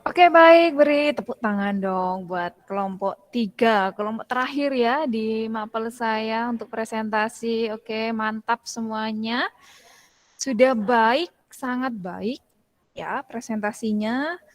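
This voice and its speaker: A woman's voice: a little high, slow pace, no room sound. A woman teacher giving students spoken feedback in an online class, often ending phrases with tag questions. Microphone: video call.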